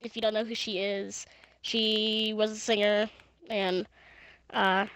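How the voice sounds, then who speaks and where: A young woman streaming from home on a gaming headset, chatting crudely and giggling, then reading fan fiction aloud in a flat monotone. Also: medium pitch, slow, no room sound. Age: young adult.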